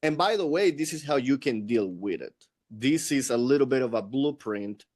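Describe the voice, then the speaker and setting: A middle-aged man from Venezuela with a Venezuelan Spanish accent, a Spanish speaker, telling his story as an interview guest in an earnest, reflective way. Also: medium pitch.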